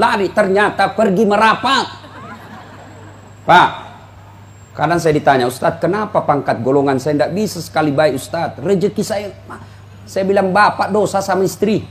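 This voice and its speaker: High-voiced lively Indonesian preacher. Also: male voice, a little hiss or hum. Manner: animated, joking, mimics others' voices. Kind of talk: lively sermon to a police audience.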